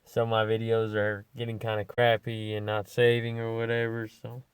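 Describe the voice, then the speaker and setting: Flat, offhand man, lip full of dip. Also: on the low side, moderate pace, clean tone, no echo. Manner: rambling, plain-spoken, offhand. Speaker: amateur product reviewer. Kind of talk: casual vlog review. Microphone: phone.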